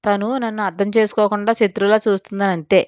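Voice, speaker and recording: A woman's voice: mid-range voice, flat delivery, fast talker, no echo, lo-fi sound, natural voice. A woman voicing a scheming young woman who fakes sobbing and sniffling in an audio story. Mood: tearful.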